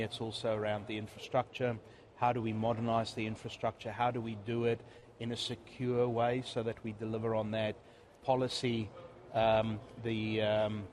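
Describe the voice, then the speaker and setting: Mid-pitched man answering in an interview. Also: a little mellow. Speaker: interview guest, networking sales leader. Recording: faint background noise.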